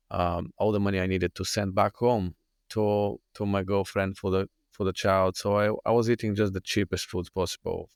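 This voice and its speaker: A Bulgarian man telling his own story as a podcast guest, earnest and halting with many restarts. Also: low-pitched, vocal fry, dry recording, studio quality. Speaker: guest, fitness coach. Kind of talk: podcast interview.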